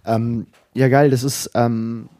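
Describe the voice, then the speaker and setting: A man hosting a casual podcast chat, quick and enthusiastic, with slangy interjections. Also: mid-range voice, little pitch movement, mellow. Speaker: podcast host.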